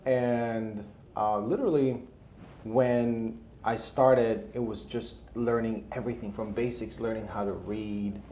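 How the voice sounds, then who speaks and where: A real estate investor in his thirties, Albanian by origin and native language, is interviewed and tells his story in a casual way. His voice is on the low side, mellow and steady, at a measured pace, and the recording has a roomy echo and faint background noise.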